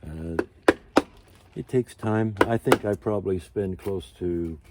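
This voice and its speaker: A ventriloquist and puppet carver in his sixties, with a very low voice, talks through a hands-on demonstration in an informal vlog style. He explains slowly and haltingly, drifting into asides, with clear background noise from the outdoor canopy tent he uses as a carving workshop.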